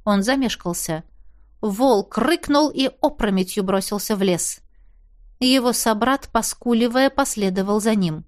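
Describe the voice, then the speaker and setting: A woman reads a fairy-tale audiobook in the first person. Her voice sits fairly high, and her reading is lively and expressive. She tells the story in a polished, scripted way. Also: measured pace. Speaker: audiobook narrator.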